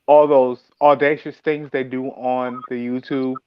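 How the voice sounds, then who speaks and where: A man's voice: medium pitch, little pitch movement, unhurried, smooth, no room sound, narrow, tinny audio. A man chatting casually as a podcast guest over an online call, giggly and profane in his banter.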